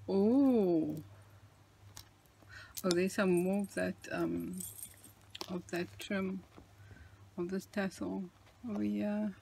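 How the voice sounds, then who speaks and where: A woman vlogger showing off a handmade craft book, gushing with admiration and often dropping into soft whispers. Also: mid-range voice, very slow, vocal fry, long pauses, breathy edge. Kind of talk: show-and-tell craft video.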